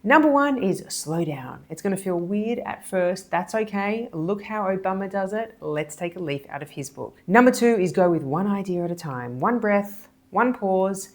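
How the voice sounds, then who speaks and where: A woman hypnotist and body language coach explaining speaking techniques in a measured, deliberate, emphatic way. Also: medium pitch, expressive. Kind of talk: explanatory video lesson.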